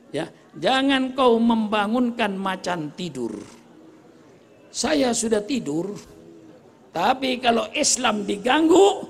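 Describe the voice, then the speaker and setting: A man in his eighties preaching a sermon to a gathering, joking with the audience and rising to shouts. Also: very high-pitched, creaky. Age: 80s. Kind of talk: religious sermon. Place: gathering before a crowd.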